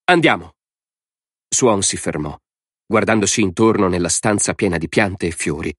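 A man reading an audiobook in a steady, measured narration. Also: sits low, no room sound, studio quality.

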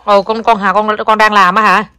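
A woman's voice: medium pitch, little pitch movement, moderate pace, sharp tone. A mother at home talking to her young child, alternating between teasing and scolding, mixing in English words. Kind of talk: casual home video with child.

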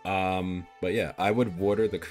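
A man's voice: low-pitched, steady tone, normal speed, darkish tone, faint music behind. A man streaming live as a VTuber, chatting casually in a playful, rambling way and swearing freely.

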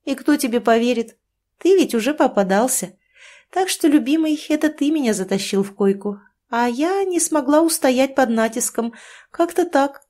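A woman's voice: high voice, expressive, normal speed, a little mellow, voice pushed up. A woman reading an audiobook, voicing a scheming, sarcastic young woman who taunts her lover. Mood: mocking.

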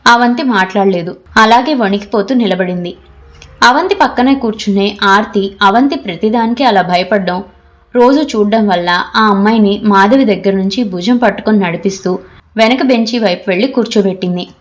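A woman narrating a novel as an audiobook reader, in a measured, expressive storytelling manner. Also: medium pitch.

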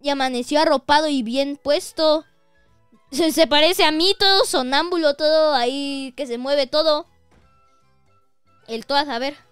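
Excitable woman doing let's-play commentary. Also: high voice, measured pace, no echo, faint music behind. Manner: excitable, chatty, jokey. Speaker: gaming video host.

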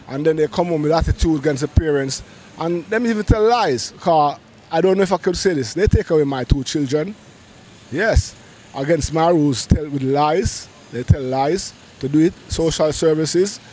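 With faint street traffic and ambience around him, a middle-aged man tells a street interviewer about something painful from his own life. His voice is warm and on the high side, caught by a handheld mic held close, and his urgent speech is full of restarted phrases.

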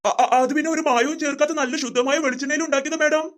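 Performer as a high, fast-talking shifty street vendor, stammers and sucks up, for a comic skit. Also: fairly even intonation, heavy background noise, lightly acted. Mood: nervous. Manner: stammering, fake politeness. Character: stammering crooked street sweet seller.

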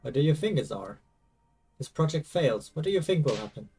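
A man reading aloud as a quiet, troubled young woman in a game, subdued and hesitant, over faint music. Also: fairly high pitch, expressive, brisk, husky, distant mic. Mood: somber.

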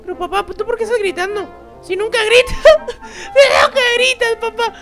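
A performer voicing Bebe Timo, an excitable, dramatic baby boy with squeaky, shrieking outbursts, in a Minecraft role-play. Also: normal speed, music in the background. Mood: excited. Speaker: host.

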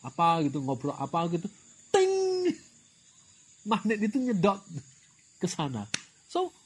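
A man giving an animated dharma talk, throwing rhetorical questions at listeners and mixing in English words. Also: high voice, husky. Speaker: Buddhist dharma teacher.

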